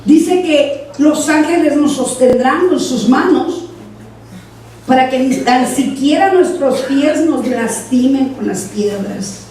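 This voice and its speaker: A woman pastor, preaching a sermon in an animated way and acting out the voices in her stories. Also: high-pitched, slow, slight background noise. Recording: echoey church from far off.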